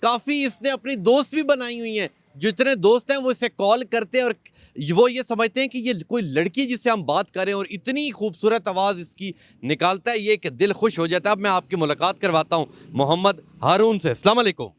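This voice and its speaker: A male interviewer with a high voice keeps the talk moving with upbeat, leading questions. The sound is dry and close, without any room echo. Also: fairly bright tone. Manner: upbeat, prompting, talks in a leading way. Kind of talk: street-style interview.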